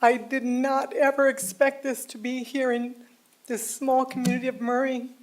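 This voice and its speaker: Older woman, high voice, emotional and deliberate resident comment at a council podium. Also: flat delivery. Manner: heartfelt, pleading, slow and deliberate. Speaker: resident giving public comment. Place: city council chamber.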